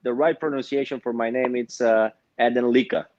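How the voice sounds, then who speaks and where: A man's voice: medium pitch, steady tone, a little fast, darkish tone, no echo. A man in his thirties from Romania with a Romanian accent, a guest in a casual interview, speaking hesitantly with many fillers. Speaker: guest, pickleball pro. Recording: dull, dry lo-fi sound.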